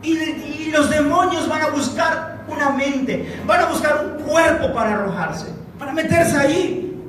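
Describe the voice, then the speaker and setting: A male pastor preaching a sermon in a church, slow and deliberate, repeating phrases and rising to impassioned shouts. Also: very high-pitched, background noise. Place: church sanctuary. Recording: echoey hall from far off, faint music.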